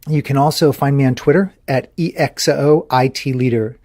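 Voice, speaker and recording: A man's voice: mid-range voice, fairly even intonation, moderate pace, a little mellow. A man hosting a podcast, interviewing a guest in a casual, chatty way. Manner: friendly, chatty, laughs often. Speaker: podcast host.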